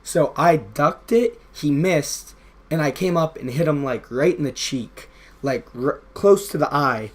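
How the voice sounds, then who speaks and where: A man's voice: fairly high pitch, animated, unhurried, breathy edge. A young man telling a casual, rambling story over gameplay, full of fillers. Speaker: gaming vlogger.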